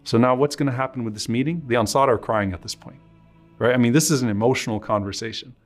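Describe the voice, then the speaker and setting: A man's voice: medium pitch, quick pace, faint music behind. A man preaching a sermon, earnestly and emotionally retelling a story and mixing quoted Arabic into his English.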